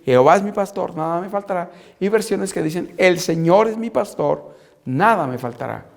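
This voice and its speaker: A man with a slightly high voice teaches a recorded Bible lesson. He reads scripture aloud in a measured way and slows down deliberately to spell out key words. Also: gravelly, a little mellow. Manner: deliberate, spells out terms slowly. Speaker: Bible instructor. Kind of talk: recorded apologetics lecture.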